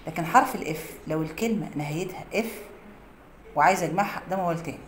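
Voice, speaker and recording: Egyptian female teacher, slightly low voice, walks through phonics examples, faint noise behind. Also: racing. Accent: Egyptian Arabic. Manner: explains phonics rules with many examples. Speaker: English teacher. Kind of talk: English pronunciation lesson. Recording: echoey room with faint noise.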